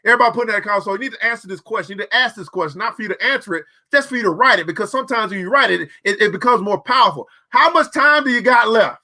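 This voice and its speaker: Rapid-fire and hardly pausing, a man in his forties hosts a show with a preachy money-motivation talk aimed directly at his listeners, repeating phrases to drive points home. His voice is high, expressive, and sharp.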